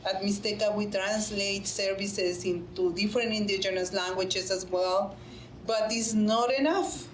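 A nonprofit director sitting on a panel answers into a table mic in a conference room, speaking earnestly and repeating phrases for emphasis, with many restarts. Her mid-range voice stays steady at a measured pace. The rough recording picks up a slight ring from the room and a faint hum.

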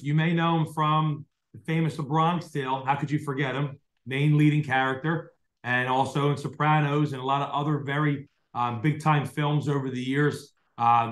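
Late at night in a dimly lit room at home, a young South Jersey podcast host conducts a casual interview by video call through a large desk microphone. His mid-range voice has a fairly bright tone, the space is reverberant, and he rambles, full of fillers and false starts.

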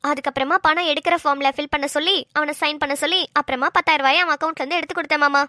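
A woman's voice: high voice, racing, no room sound. A woman voicing a chatty young wife who teases and tells stories, close and dry. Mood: teasing. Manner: chatty, teasing, animated storytelling.

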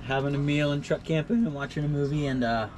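Relaxed middle-aged man chatting in a truck camper. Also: fairly high pitch, quick pace. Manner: relaxed, chatty, laughs often, many fillers. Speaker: vlogger. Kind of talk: casual vlog talk to camera. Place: inside a small truck camper shell at night.

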